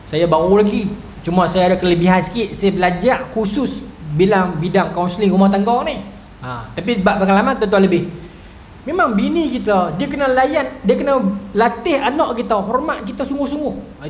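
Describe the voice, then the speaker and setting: A man in his thirties with a northern Malaysian Malay accent, giving a humorous religious lecture full of stories and asides to the audience. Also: high voice. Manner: chatty, storytelling, keeps asking the audience "right?". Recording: echoey hall with faint noise.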